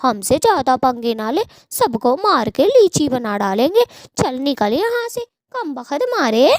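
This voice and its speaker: A woman's voice: very animated, measured pace, dry recording, clean studio sound. A woman voicing a foul-mouthed, boastful female witch in a cartoon story, who scolds and threatens. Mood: taunting. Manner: shrill, scolding threats and curses.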